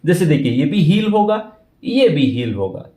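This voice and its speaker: A man's voice: fairly high pitch, sing-song, measured pace, dark tone, roomy sound. A man teaching an English grammar lesson in Hindi, often repeating key words and checking in with the listener.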